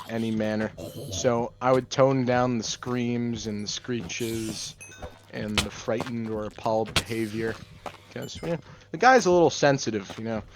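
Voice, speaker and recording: A young man doing gameplay commentary in a deadpan monotone, rambling through offbeat musings. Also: lowish voice, slight background noise. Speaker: gaming channel host.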